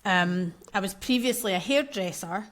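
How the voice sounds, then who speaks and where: A woman's voice: medium pitch, animated, normal speed. Candid Scottish woman guest. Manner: candid, chatty, laughs easily. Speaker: podcast guest, maternal mental health coach. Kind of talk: conversational interview.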